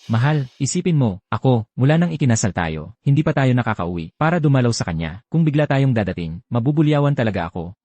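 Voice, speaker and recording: A teasing young husband in a dubbed drama, his speech rising and falling in a lively way. The tone is dark and a little husky, with soft music underneath. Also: mid-range voice, fast talker. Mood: coaxing. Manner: playful, coaxing, lively. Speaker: dubbing actor.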